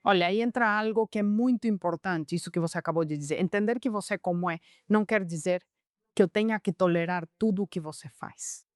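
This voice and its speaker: A woman teaching about personality types speaks briskly at a medium pitch in a podcast conversation, the recording studio-quality with no echo. As an Enneagram teacher she explains patiently, telling real cases and voicing the quotes in them.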